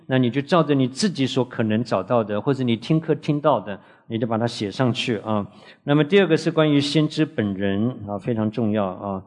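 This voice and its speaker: A man's voice: mid-range voice, a little mellow. Guy giving a bible lecture in a classroom, lots of "ah" fillers, quizzes the class. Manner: frequent drawn-out "ah" fillers, asks the class questions. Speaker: Bible teacher. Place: classroom with a live audience.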